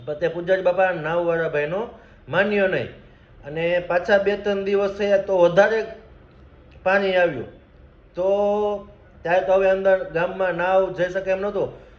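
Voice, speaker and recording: High-voiced man telling a moral story. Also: fairly even intonation, normal speed. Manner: plain, conversational retelling with direct asides to listeners. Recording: echoey room, slightly dull sound.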